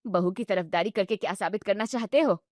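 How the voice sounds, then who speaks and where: A woman's voice: mid-range voice, fairly quick, a little mellow, no room sound, clean studio sound, natural voice. A woman voicing a strict older mother-in-law who scolds everyone sharply in a storybook tale. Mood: scolding. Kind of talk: storybook narration.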